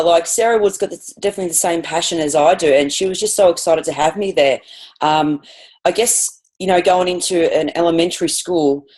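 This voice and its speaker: With a warm tone and a voice on the low side, this Australian woman is a PE teacher appearing as a podcast guest. The interview is casual, and she's enthusiastic and rambling, often restarting.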